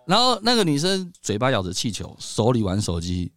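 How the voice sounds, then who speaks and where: A man's voice: medium pitch, huge pitch swings, a little fast, a bit bright, no echo. A man with a Taiwanese Mandarin accent, a guest on a casual podcast, telling stories and acting out the lines people said. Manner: storytelling, acts out quotes in a raised voice.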